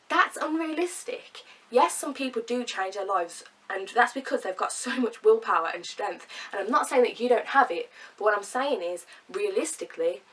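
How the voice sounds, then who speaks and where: Nasal from a cold, a young vlogger speaks earnestly and chattily to her camera, laughing and using fillers along the way. Her mid-range voice has a fairly bright tone, captured from a distance with poor audio quality.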